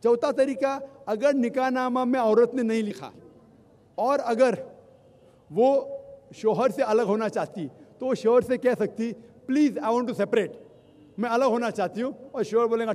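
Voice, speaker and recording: A man's voice: high voice, darkish tone. A male Islamic speaker answering audience questions at a public lecture, counting off his points one by one and mixing in English phrases. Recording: long hall reverb.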